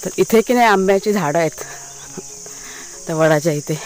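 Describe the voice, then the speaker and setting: A woman's voice: on the low side, normal speed, darkish tone, faint music behind. A woman host with a Konkan Marathi accent, chatting casually in a village vlog, talking to her pets and her viewers outdoors.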